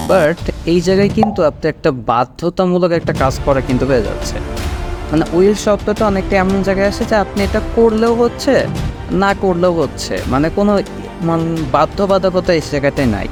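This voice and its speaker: Man, English teacher, patient, repeats words slowly, somewhat high pitch, music in background. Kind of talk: spoken language lesson.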